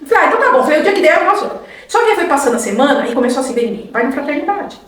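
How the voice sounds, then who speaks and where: A middle-aged woman, a guest telling her faith testimony in a lively way and acting out what people said. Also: high-pitched, very fast, slight background noise. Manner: lively storyteller acting out quoted dialogue. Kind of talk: testimony in a podcast conversation. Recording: very echoey room, mic far off.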